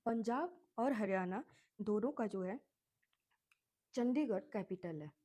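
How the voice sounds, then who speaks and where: An Indian woman teaching children, spelling words letter by letter in a slow, patient way. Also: mid-range voice, animated, dark tone. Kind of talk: spelling lesson for kids.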